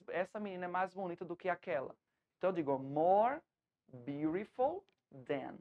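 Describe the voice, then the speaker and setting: A woman with a Brazilian Portuguese accent teaches English from home, giving a class a patient, step-by-step lesson and often checking that students are following. Her voice is on the low side with a darkish tone, and the recording sounds muffled.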